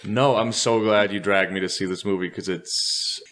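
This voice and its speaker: A man's voice: lowish voice, fairly even intonation, moderate pace, fairly bright tone. A man from Europe co-hosting a podcast, joking around animatedly and slipping into silly voices. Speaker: podcast co-host. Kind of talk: casual chat.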